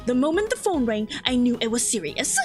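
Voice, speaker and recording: A woman's voice: big pitch swings, darkish tone, faint music behind. A woman reading a posh young male prosecutor. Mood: composed. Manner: low, measured, slightly nerdy delivery.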